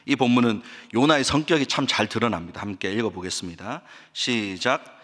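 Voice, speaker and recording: A man's voice: medium pitch, fairly quick, a bit bright. A man, a pastor, delivering an impassioned sermon that rises and falls, recorded in a church sanctuary. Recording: long church reverb.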